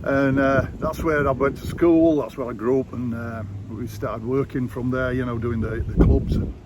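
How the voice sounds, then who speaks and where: A man in his sixties with a Yorkshire accent, speaking in a relaxed, rambling way. His voice sits in an ordinary middle register. Steady background noise runs under his words. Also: medium pitch, moderate pace. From West Yorkshire, England. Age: 60s. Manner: relaxed, rambling with many fillers, trailing off quietly. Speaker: radio DJ and entertainer guest. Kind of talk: casual interview.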